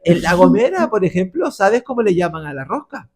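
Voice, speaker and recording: Brisk and high-voiced, this middle-aged man from Las Palmas on Gran Canaria carries a Canarian Spanish accent. He's a radio presenter appearing as a podcast interview guest, spinning lively stories and imitating whoever he quotes.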